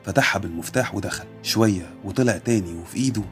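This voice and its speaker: A man with an Egyptian accent narrating a comic first-person story, quick, sarcastic and lively. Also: lowish voice, soft background music. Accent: Egyptian Arabic.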